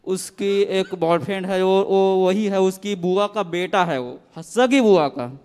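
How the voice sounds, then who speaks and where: A man's voice: sits high, a little slow, darkish tone, clean tone. A man from the audience, distressed and pleading, asking again and again for advice about what to do. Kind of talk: pleading personal question. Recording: reverberant hall.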